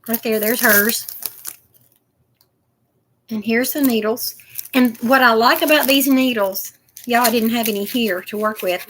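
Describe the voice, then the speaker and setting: A woman's voice: fairly high pitch, fairly bright tone, a little hiss or hum. An older woman chatting casually and rambling to viewers as she unboxes craft supplies. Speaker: crafting vlogger.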